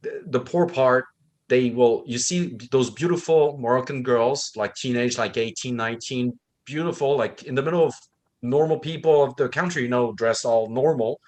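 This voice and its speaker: Co-hosting a book discussion, a man who grew up in Thailand speaks with conviction and acts out the people he quotes. His mid-range voice has a darkish tone, and he moves at a moderate pace. His manner is impassioned throughout.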